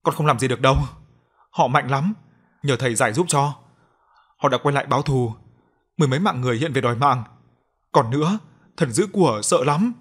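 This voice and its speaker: A man's voice: mid-range voice, a little fast, long pauses, fairly bright tone, breathy edge. Man voicing a sobbing ghost of a murdered mother. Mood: sobbing plea. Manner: sobbing, pleading.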